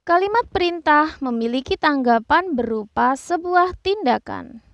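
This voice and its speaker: Slow, high-voiced woman teaching grammar. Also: animated, no echo, lo-fi sound. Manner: slow, careful explaining with read-out examples. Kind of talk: scripted educational narration.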